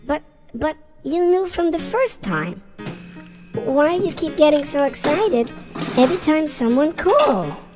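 A woman's voice: sits high, big pitch swings, a little slow, music in the background. A woman voicing a grandchild who asks questions and sounds slightly impatient. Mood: puzzled.

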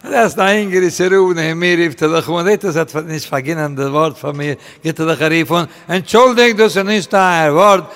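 An older rabbi spins anecdotes with a high, gravelly voice. He tells them with animation, chuckles often and slips into the voices of his characters. His voice carries the long reverb of an echoey hall. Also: normal speed, hardly any pauses, a bit bright. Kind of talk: anecdotal storytelling.

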